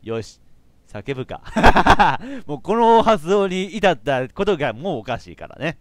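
A man with a commentating a live game stream, animated, often laughing and shouting. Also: a little high, a little slow, no room sound, clean studio sound. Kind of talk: live let's play commentary.

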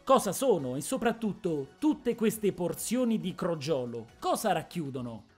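A woman narrating a fantasy story in a measured, expressive reading style. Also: on the low side, slightly rough, soft background music. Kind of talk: dramatic audiobook narration.

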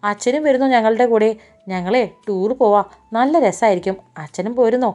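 A woman's voice: on the high side, a little fast, a little mellow, natural voice. A woman voicing a playful, clingy young woman with a childlike mind, sing-song and coaxing. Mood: excited.

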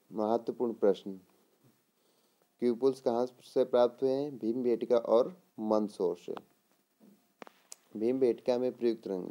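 Reading deliberately from notes, a man teaches an exam lesson, posing questions he answers himself and occasionally repeating words. The teacher has a lowish, warm voice.

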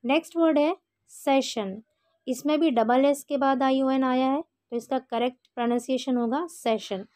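An Indian woman teaching English pronunciation, explaining rules slowly and patiently, step by step. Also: sits high, steady tone, a little mellow, dry recording. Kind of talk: explaining a lesson in Hindi.

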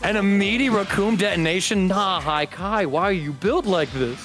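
A man commentating a fighting game tournament live, excitable and joking. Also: sits high, normal speed. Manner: excitable, shouts and jokes. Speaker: esports commentator. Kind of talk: hype play-by-play commentary. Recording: commentary over loud game music.

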